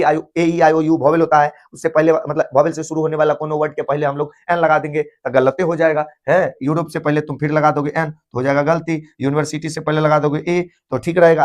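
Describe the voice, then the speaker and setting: A man teaching English grammar, asking questions and answering them himself and spelling words out letter by letter. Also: on the high side. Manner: explains step by step, asks and answers his own questions; voices students' doubts. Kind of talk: classroom-style Hindi lesson.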